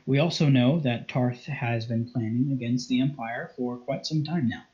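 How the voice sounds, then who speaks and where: A man voicing a cold, dismissive imperial chancellor in a tabletop game, speaking slowly and formally, on a muffled lo-fi recording. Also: mid-range voice, noisy background, natural voice. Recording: muffled lo-fi audio.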